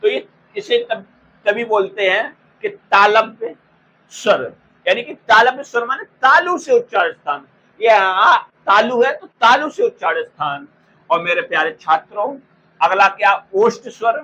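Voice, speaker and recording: A man teaching an exam-prep grammar lesson, repeating each term slowly for students to write down and calling them by fond names. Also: sits high, animated, bright, forceful tone, dull audio, slight background noise. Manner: slow, repeats terms for dictation; addresses students fondly.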